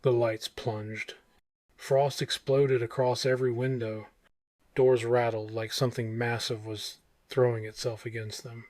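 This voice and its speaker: A man's voice: mid-range voice, level tone, measured pace, a little mellow, no echo. A man narrating a scripted horror story in the manner of a vintage horror narrator, in short, suspenseful phrases.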